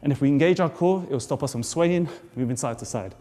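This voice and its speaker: A man's voice: medium pitch, a little fast, warm tone. A man coaching a jump rope move step by step, a bit out of breath, with encouraging cues. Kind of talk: tutorial instruction. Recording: hall reverb, faint music.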